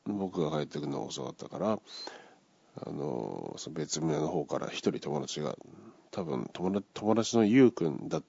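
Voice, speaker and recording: A man's voice: extremely low pitch, very animated, moderate pace, creaky, mellow, husky. A man casually retelling a dream he had, acting out the voices of the people in it. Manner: acts out the voices of people in the story. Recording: dull lo-fi dry recording.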